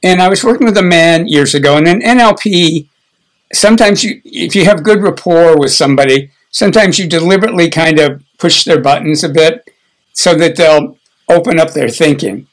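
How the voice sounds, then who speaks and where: An older man teaching a guided healing session in a relaxed, conversational way, chuckling now and then and often restarting his sentences. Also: a little high, normal speed, low-quality recording.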